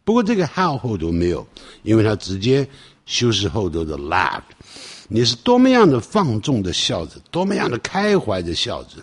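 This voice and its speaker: A husky, fairly low-voiced man explains song lyrics line by line in a lesson. His pitch moves a lot as he stresses points and slows down for each English phrase. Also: wildly swooping pitch. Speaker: English teacher.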